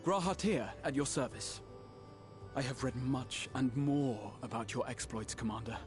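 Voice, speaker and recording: A man's voice: medium pitch, moderate pace, close to an everyday voice. Man acting a courteous, admiring adventurer over music. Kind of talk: scripted fantasy game acting.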